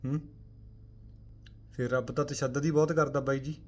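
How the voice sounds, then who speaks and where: A man giving a Sikh spiritual talk to viewers. He speaks forcefully, asks rhetorical questions, swings between loud emphatic bursts and quiet low asides, and mixes in English words. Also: fairly even intonation, moderate pace, dull audio.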